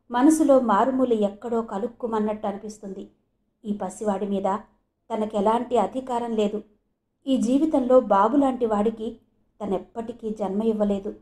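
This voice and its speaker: A woman from Andhra Pradesh reading a novel aloud as audiobook narrator, with a steady storytelling delivery. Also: a little high. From Andhra Pradesh, India.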